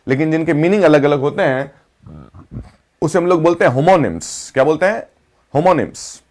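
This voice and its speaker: A man teaching English vocabulary, explaining each word in Hindi with slowly read English definitions and asking the class to repeat. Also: a little high, expressive, darkish tone.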